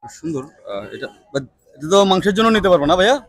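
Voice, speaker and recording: A man hosts a market vlog outdoors, speaking slowly and softly as he haggles with sellers and talks to viewers. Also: high-pitched, expressive, no echo. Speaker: market vlogger host. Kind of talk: walking vlog, bargaining and addressing viewers.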